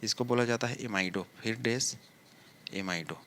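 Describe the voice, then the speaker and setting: In a step-by-step blackboard chemistry lesson, a man with a lowish, fairly bright voice and fairly even intonation drawls his words while writing. He asks questions and answers them himself, and a little hiss or hum is audible.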